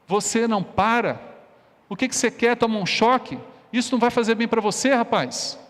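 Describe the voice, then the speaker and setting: A man's voice: sits high, brisk, close to an everyday voice. A man voicing an exasperated father harshly scolding his stubborn son in a sermon story. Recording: long church reverb.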